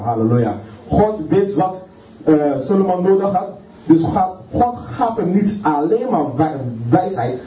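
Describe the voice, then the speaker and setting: Halting fervent preacher man, far off. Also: on the high side, dark tone, a little hiss or hum. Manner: fervent, halting, punctuates with hallelujah, many repeated words. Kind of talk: sermon. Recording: distant, roomy, dull sound.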